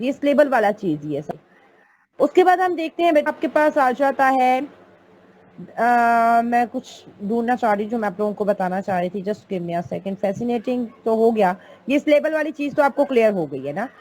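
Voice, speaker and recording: A woman's voice: high-pitched, darkish tone, a little hiss or hum. A woman teaching an online English grammar class, explaining patiently step by step and calling her students "beta".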